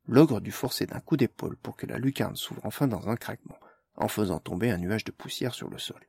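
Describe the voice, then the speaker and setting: A male narrator reads a story aloud at an even, measured pace. His voice is gravelly and husky, and the recording is dry and close. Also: fairly low pitch, no room sound. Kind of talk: audiobook narration.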